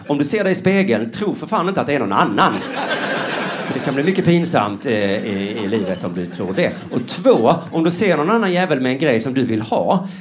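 Sarcastic man doing stand-up, lively pitch. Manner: rambling, sarcastic, mocking voices. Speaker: stand-up comedian. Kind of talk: stand-up routine.

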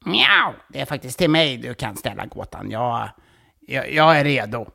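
A man voicing an eager female cat in a children's story, starting her lines with a high meow. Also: very animated, vocal fry, sharp tone, full character voice. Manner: high squeaky meows before speaking. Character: eager female glitter cat who keeps meowing.

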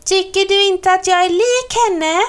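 A woman voicing a cheerful, proud little witch girl in a storybook reading. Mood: hopeful. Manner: squeaky, eager child voice.

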